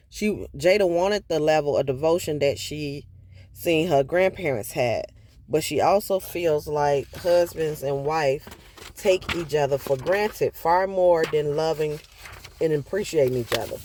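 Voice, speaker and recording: A man's voice: on the high side, measured pace, darkish tone, slight background noise. A man casually retelling a book chapter for his viewers, in a loose, chatty way with asides to the audience. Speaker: book review vlogger.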